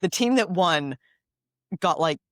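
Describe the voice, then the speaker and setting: A woman with a cold co-hosts a podcast in easygoing chat, her voice pitched on the low side. She is talkative and laughs easily, often repeating a phrase back. The sound is close and dry, with no room around it. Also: expressive, slow, no room sound. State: has a cold. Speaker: podcast co-host.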